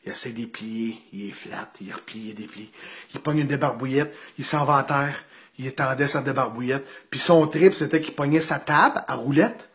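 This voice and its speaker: A man with a Quebec French accent telling a casual anecdote, animated and slangy, swearing freely. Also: mid-range voice, normal speed. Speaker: storyteller.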